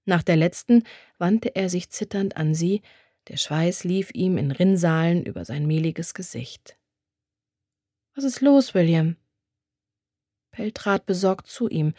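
A woman narrating a novel in a measured, even storytelling manner. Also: fairly low pitch, no echo, clean studio sound. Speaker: audiobook narrator.

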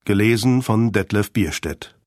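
A man's voice: fairly low pitch, expressive, a little slow, darkish tone, no echo, clean studio sound. A man formally announcing the title, authors and reader of an audiobook.

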